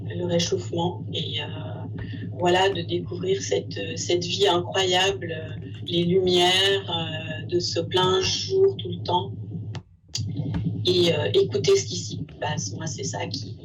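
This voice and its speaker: Lady, lowish voice, slow and searching, hiss on the far-off line. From Finland. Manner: soft, searching, many pauses. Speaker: expedition crew member. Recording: distant, dull call audio with noise.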